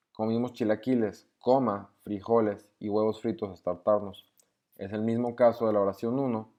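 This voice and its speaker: A man's voice: fairly low pitch, a little mellow. A young man patiently walks through grammar exercises, reading each sentence aloud and explaining it step by step. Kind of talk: screen-recorded lesson walkthrough.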